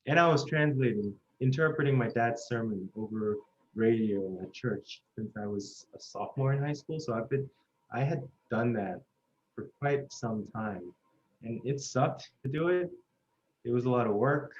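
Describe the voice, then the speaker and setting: A South Korean man in his thirties tells his story earnestly and steadily in an oral history interview. He has a mid-range voice at normal speed, on a muffled lo-fi recording.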